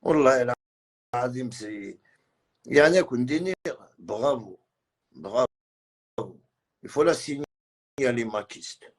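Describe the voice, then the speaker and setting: A man's voice: medium pitch, animated, takes it slowly, pauses often. A man on a live stream, ranting in a heated, repetitive way and mixing in words from other languages. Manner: agitated, repetitive, mixes French with Arabic and Kabyle. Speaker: livestreamer.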